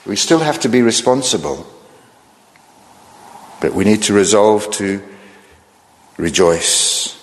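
A man preaching a sermon in a measured, earnest way, often asking rhetorical questions. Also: on the low side, expressive, big-room sound.

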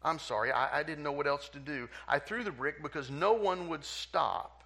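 A man voicing a small crying boy who pleads for help, halting through tears, as a quote within a sermon. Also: medium pitch, gravelly, pushed and bright. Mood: pleading.

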